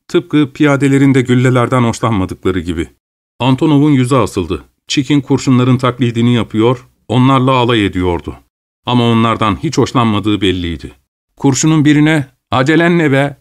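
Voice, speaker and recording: Male audiobook narrator, grave measured storytelling, mid-pitched voice. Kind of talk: scripted literary narration.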